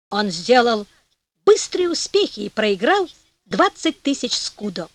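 A woman reading a fairy tale aloud in a playful, expressive storytelling manner. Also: sits high, no echo.

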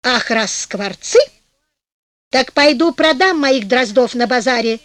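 A woman's voice: high-pitched, normal speed, fairly bright tone, dry recording. A woman reading a storybook aloud, voicing a stubborn, quarrelsome husband who insists and exclaims.

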